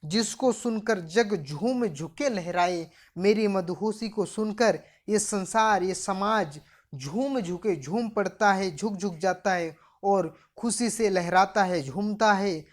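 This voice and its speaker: A woman's voice: medium pitch, takes it slowly. Woman teacher explaining a poem. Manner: recites each verse, then paraphrases it line by line. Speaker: Hindi teacher. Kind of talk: explaining a poem for a class lesson.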